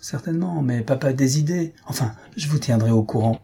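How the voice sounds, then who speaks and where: A husky-voiced man reading aloud, voicing an eager, impulsive young woman in a storybook. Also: medium pitch, brisk, dark tone, pitched above the performer's own voice. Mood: confiding.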